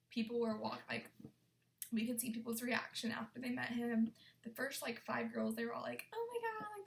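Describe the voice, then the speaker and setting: A young woman telling an excited, dramatic storytime, often dropping into whispers. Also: on the high side, gravelly. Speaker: vlogger. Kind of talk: storytime vlog.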